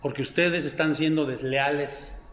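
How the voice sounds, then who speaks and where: Man, pastor, sermon, high voice, questions the congregation, echoey church hall. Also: fairly even intonation, moderate pace, a bit bright, slight background noise. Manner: keeps quizzing the congregation. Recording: echoey hall with long reverb.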